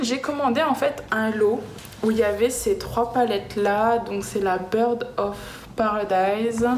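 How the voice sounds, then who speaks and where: A woman's voice: mid-range voice, a little mellow. A woman chatting casually through a makeup haul, hesitant and full of fillers, recorded at home. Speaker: beauty vlogger. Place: home room with a cat nearby. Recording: echoey room with background noise.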